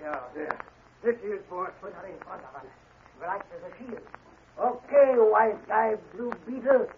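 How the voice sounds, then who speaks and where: A brash gangster thug. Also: male voice, high-pitched, unhurried, lo-fi sound. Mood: menacing. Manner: brash, gruff tough-guy talk. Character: rough male gangster kidnapper. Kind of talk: 1940s radio acting. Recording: scratchy old radio recording.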